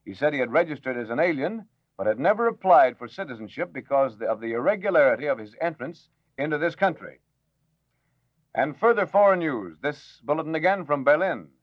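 A man reading a formal radio news bulletin in a measured announcer manner, heard as an old newsreel-style broadcast. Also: a little high, very animated, no echo. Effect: old newsreel-style broadcast sound. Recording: dull lo-fi old radio recording, dry.

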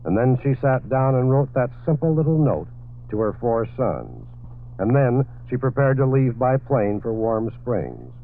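Male radio newsman from an old 1940s broadcast, tinny phone-like audio, steady reading with a few fillers. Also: mid-range voice, unhurried. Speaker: radio news reporter. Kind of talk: 1940s radio news bulletin.

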